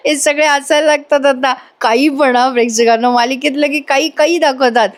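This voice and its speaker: A woman's voice: high-pitched, steady tone, a little fast. Chatty woman recapping a soap, giggly. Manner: chatty, giggly, acts out the lines. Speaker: serial recap narrator. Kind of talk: voice-over episode recap.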